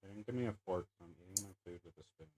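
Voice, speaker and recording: A man's voice: deep voice, very fast, background noise. Laid-back cursing man streaming games. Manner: laid-back, profane, laughs while arguing. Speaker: streamer host. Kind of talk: casual gaming stream chat. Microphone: voice chat mic.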